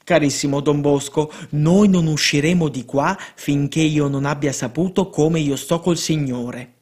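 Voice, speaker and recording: A man's voice: fairly high pitch, a little slow, darkish tone. A man reading the lines of an anxious church prelate who presses and pleads. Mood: insistent.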